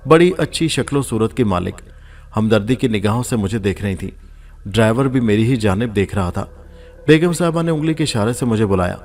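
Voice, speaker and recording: A man narrating a story in the first person in a measured, steady storytelling manner, as an audiobook reader. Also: medium pitch.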